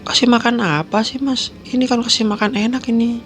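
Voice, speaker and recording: A man's voice: very high-pitched, steady tone, brisk, fairly bright tone, faint music behind, pitched above the performer's own voice. A man narrator voicing a young village wife who protests indignantly.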